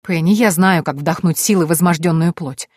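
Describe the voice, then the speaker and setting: A woman's voice: on the low side, brisk, darkish tone, no room sound, clean studio sound, lightly acted. A woman voicing a bustling, grumbling older female tavern cook who drawls her exclamations.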